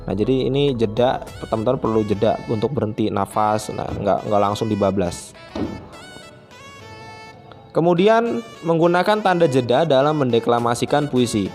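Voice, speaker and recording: A man's voice: mid-range voice, lively intonation, normal speed, a little mellow, faint music behind. Chatty man teaching a children's lesson. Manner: chatty, friendly, often starts phrases with a filler. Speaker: primary school teacher. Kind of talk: online classroom lesson for children.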